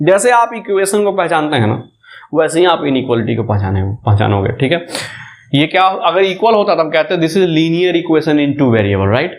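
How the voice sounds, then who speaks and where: A man's voice: fairly high pitch, big pitch swings, moderate pace. A man with a Bihari Hindi accent teaching a maths lecture, often asking the class questions and repeating key terms, with English words mixed into his Hindi. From India.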